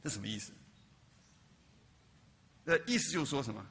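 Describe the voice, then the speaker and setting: Gravelly male pastor preaching in a hall. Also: medium pitch, big pitch swings, moderate pace, a bit bright. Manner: asks the congregation questions, repeats for emphasis. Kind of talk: sermon.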